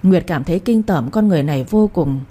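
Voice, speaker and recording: Husky dark-voiced woman narrating. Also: on the low side, expressive, fast talker. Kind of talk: storybook narration.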